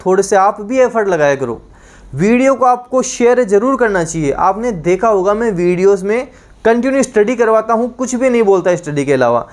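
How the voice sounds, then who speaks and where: A man teaching an online exam-prep lesson, repeating each term and asking the class questions back. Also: high-pitched.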